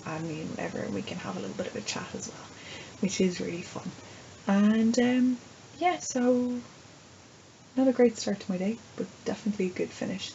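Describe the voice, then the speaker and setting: A woman's voice: medium pitch, gravelly, mellow. An Irish woman chatting casually to her viewers in a rambling, playful, self-deprecating video diary. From Ireland. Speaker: vlogger and writer. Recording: dull lo-fi sound, faint background noise.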